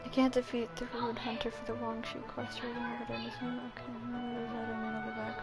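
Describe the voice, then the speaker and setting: A young woman who makes gaming content gives gameplay advice in a casual, rambling way, thinking aloud as she goes. Her voice is fairly high, monotone, and brisk, with game music playing behind her.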